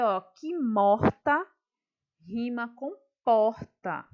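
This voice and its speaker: A woman's voice: a little high, fairly bright tone, highs cut off. A woman teacher, explaining a lesson patiently step by step and checking that her pupils follow. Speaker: schoolteacher. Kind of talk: classroom lesson.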